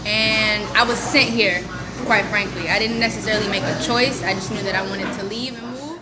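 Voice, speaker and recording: A woman's voice: medium pitch, fairly even intonation, moderate pace. A woman speaking frankly and emphatically in a casual group conversation at a restaurant table. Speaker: traveler interviewed at a table. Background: music.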